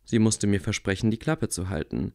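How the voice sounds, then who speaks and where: A man reading aloud, voicing a calm, wry blind boy wizard who speaks quietly. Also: lowish voice, moderate pace, close to an everyday voice. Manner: quiet, level.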